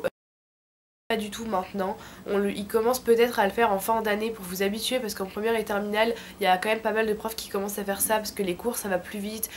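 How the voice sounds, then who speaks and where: Slight background noise runs under a mid-range female voice: a French vlogger in her late teens. Tonsillitis has made her voice thick and sore, and she's clearly ill with a throat infection while handing out informal, slang-filled advice in a laid-back vlog.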